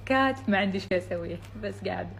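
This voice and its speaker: Fast-talking woman with a Bahraini Gulf accent. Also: mid-range voice, a little hiss or hum. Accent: Bahraini Gulf Arabic. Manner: playful, joking, chatty. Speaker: social media vlogger. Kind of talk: casual chatty vlog.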